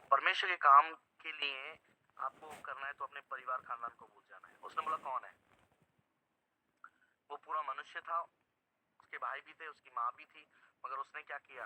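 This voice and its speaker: Bright-voiced man preaching on a call. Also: mid-range voice, a little hiss or hum, low-quality recording. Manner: emphatic, repeats phrases, quizzes listeners. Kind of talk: sermon to an online house church. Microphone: video call.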